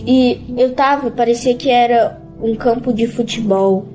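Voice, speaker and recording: A high-voiced woman tells of a religious experience in a halting, repetitive way, her voice often close to tears. Her tone is dark and mellow despite the high pitch, and faint music plays behind her. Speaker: interviewee giving a religious testimony. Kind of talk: emotional spoken testimony.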